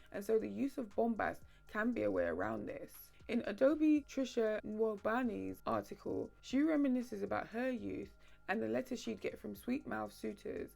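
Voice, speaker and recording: Gravelly woman narrating a video essay. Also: medium pitch, darkish tone. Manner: wry, sardonic asides. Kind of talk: scripted narration.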